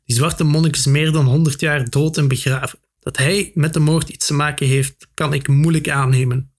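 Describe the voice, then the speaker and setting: A man's voice: a little high, fairly even intonation, moderate pace. A man voicing a bold, curious young male adventurer in a storybook reading. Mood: confident.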